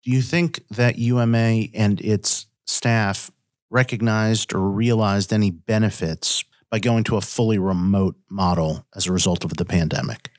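A man hosting an interview, asking measured questions. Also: fairly low pitch, steady tone, dry recording, clean studio sound. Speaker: interviewer, host.

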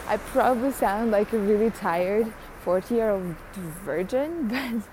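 A woman's voice: fairly high pitch, takes it slowly, darkish tone, slight background noise. Laughing young woman ranting on a podcast. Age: young adult. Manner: rambling, self-mocking, laughs often. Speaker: podcast host. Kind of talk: casual solo rant.

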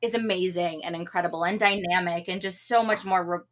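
A woman's voice: fairly low pitch, steady tone, a little fast. A young woman from New England, chatting casually and often saying "like.". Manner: chatty, full of "like" and laughs. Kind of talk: casual chat.

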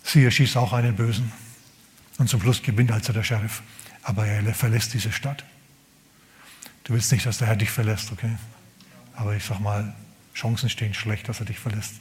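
A male pastor preaching a sermon, telling a story with animated emphasis, repeating words and dropping to whispers. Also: fairly low pitch, normal speed, pauses often.

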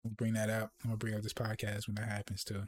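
A man co-hosting a podcast in casual chat, relaxed and rambling, laughing often. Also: fairly low pitch, fast talker. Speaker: podcast co-host.

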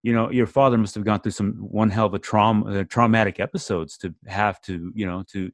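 A man's voice: fairly low pitch, steady tone, fairly quick, no room sound, studio quality. A man hosting a casual conversation, speaking earnestly and reflectively as he restarts his phrases.

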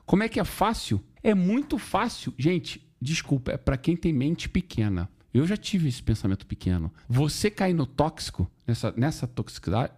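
A man's voice: on the high side, moderate pace, few pauses. A man telling stories in a casual podcast chat, full of slang and swearing, acting out quoted voices. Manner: animated storytelling with slang and swearing.

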